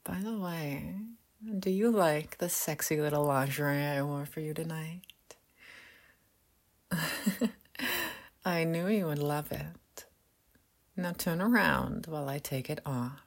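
A woman playing a doting, seductive mother figure in an intimate audio roleplay, talking softly in murmurs and whispers with hums and light laughs. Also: sits low, vocal fry, exaggerated voice. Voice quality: soft, whispery. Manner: slow, murmuring, teasing, with frequent hums and soft laughs.

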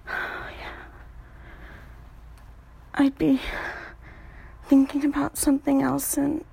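A young woman tells an intimate story in a soft, breathy whisper. Her voice sits high, and she takes her time, letting sighs fill the pauses between slow, unhurried phrases.

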